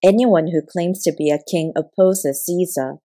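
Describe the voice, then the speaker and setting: A woman reading the shouted lines of an angry crowd of male leaders in an audiobook, in a low, mellow voice. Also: unhurried. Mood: insistent.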